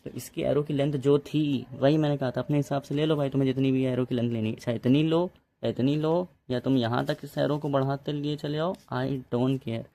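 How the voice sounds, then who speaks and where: Man, physics teacher, casual lesson, chatty, mellow tone. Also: mid-range voice, fairly even intonation, a little fast, vocal fry, few pauses. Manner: chatty, addresses students as bhai, repeats ok.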